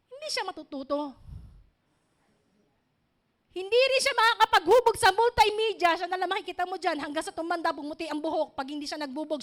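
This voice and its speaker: Woman pastor, high voice, bright tone, animated sermon with personal stories.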